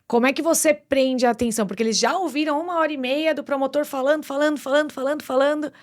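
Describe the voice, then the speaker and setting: Woman host with a high voice. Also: fast talker. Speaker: podcast co-host. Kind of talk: podcast interview.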